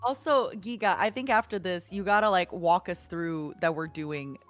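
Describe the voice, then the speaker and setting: A woman's voice: on the low side, moderate pace, soft background music. A young woman guest on a livestream, chatting casually, giggling and rambling through stories. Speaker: guest streamer.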